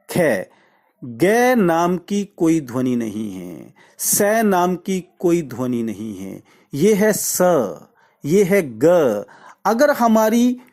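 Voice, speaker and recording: A man teaching Hindi pronunciation, speaking deliberately and repeating each word slowly to model it. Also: fairly high pitch, a little mellow. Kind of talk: explanatory pronunciation lesson.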